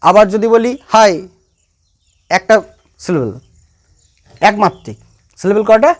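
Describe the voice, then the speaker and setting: A man's voice: high voice, animated, unhurried. A man teaching a science class, repeating key points and quizzing his students. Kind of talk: classroom lecture.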